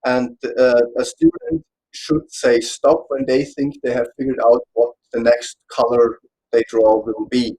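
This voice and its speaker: Explaining a psychology subject on a relaxed online panel, an Austrian man with German as his first language and an Austrian German accent often stops to find words and glance at notes. His voice is mid-range, expressive and warm with a breathy edge, captured on a rough recording.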